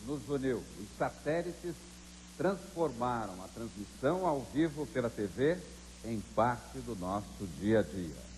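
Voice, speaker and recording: A man with a Brazilian accent reads scripted news history as a presenter. His medium-pitched voice rings with long reverb over faint noise. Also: animated, measured pace, darkish tone. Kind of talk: scripted documentary news narration.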